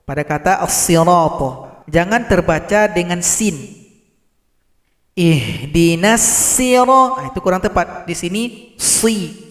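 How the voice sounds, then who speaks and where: Man teaching tajweed, high voice, slow measured delivery, echoing room. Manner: explains slowly, then recites verses in drawn-out chant. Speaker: Quran recitation teacher. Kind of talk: tajweed lesson with recited examples.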